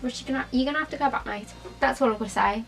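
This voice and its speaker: A woman's voice: high voice, rapid-fire, creaky, a bit bright, soft background music. A tipsy young British woman chatting casually and bluntly to camera in an informal question-and-answer style. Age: young adult. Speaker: vlogger.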